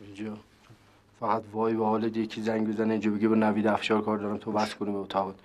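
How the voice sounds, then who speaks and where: An actor playing a gruff, threatening hotel guest. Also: male voice, lowish voice, monotone, a little mellow, close to an everyday voice. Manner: irritable, menacing. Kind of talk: sitcom acting.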